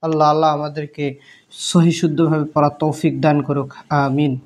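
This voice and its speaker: A man teaching Arabic letter pronunciation, slowly repeating each sound many times in a patient, instructive drill. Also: a little high, level tone, a little mellow. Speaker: Quran teacher. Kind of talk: slow repetitive letter drill.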